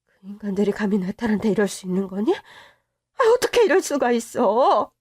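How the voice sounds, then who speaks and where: A woman's voice: medium pitch, big pitch swings, normal speed, darkish tone, husky, dry recording, clean studio sound, pitched below the performer's own voice. A woman voicing a distraught middle-aged mother who laments and protests in tearful exclamations and sighs, in a Korean-style radio-drama story reading. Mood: outraged, lamenting.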